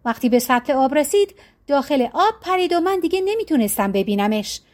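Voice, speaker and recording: A woman narrating a folk tale audiobook in a steady, clear storytelling manner. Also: sits high.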